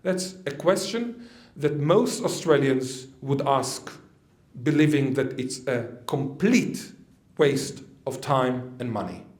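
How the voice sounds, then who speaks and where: A man's voice: medium pitch, animated, slow pace, a little mellow. Guy lecturing in a big echoey hall, mid-range voice, cracks jokes at the crowd. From Israel. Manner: chatty, with jokes and asides to the audience. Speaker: conference speaker. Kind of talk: lecture to an audience.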